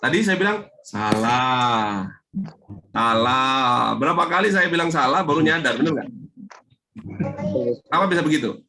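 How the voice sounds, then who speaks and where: A man teaching as a speaking coach in an online webinar, lively and coaxing, often asking rhetorical questions over a video call. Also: a little high, quick pace, pauses often, background noise.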